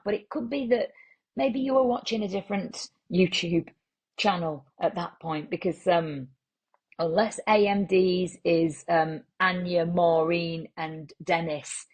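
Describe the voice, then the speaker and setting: A woman with a Lancashire accent hosting a comic podcast, rambling through absurd deadpan asides and calling listeners treasure. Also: on the low side, slightly rough. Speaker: podcast host.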